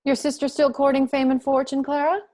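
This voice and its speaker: A woman's voice: sits high, little pitch movement, brisk, a little mellow, lightly acted. An actress playing a pious, disapproving mother with a sardonic, clipped manner in a period drama reading. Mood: dry, sardonic. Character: tart, pious, disapproving mother of grown daughter.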